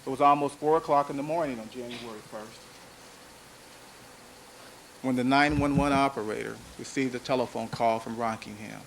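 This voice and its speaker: Heard on noisy archival courtroom audio, a prosecutor with a mid-range voice gives his opening statement at trial. He speaks in a measured, deliberate way, repeating points for emphasis.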